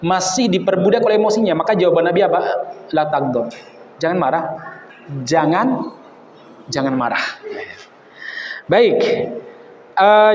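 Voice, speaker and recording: A man preaching at a religious study session, quoting Arabic passages and explaining them in a relaxed, chatty way, sprinkled with local words. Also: sits high, slight background noise. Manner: quotes Arabic then explains, uses Javanese words. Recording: echoey hall, dull sound.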